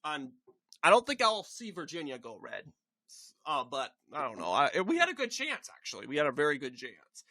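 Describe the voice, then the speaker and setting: Bright-voiced young man as election night analyst. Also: on the high side, huge pitch swings. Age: young adult, about 20. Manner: halting, rambling, self-correcting. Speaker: channel host giving election results analysis.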